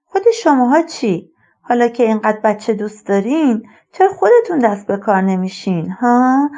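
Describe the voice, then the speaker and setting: A woman's voice: on the high side, expressive, warm tone, lo-fi sound. A woman voicing a young adult daughter who asks her father teasing, direct questions.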